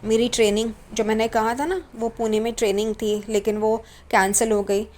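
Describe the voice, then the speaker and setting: A woman's voice: fairly high pitch, fairly even intonation, moderate pace, a little mellow, slight background noise, lightly acted. Earnest young husband, pleading, voiced by a woman narrator. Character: young husband apologizing before a trip.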